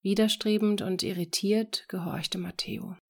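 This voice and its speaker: A woman narrating a crime story in a measured, even reading voice. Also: medium pitch, gravelly. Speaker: audiobook reader. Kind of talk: scripted narration.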